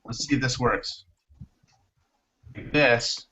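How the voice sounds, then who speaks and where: A man's voice: medium pitch, fairly even intonation, takes it slowly, sharp tone, slightly rough. A man hosting a casual live chat show, playful and jokey, calling out his guests by name. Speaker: host.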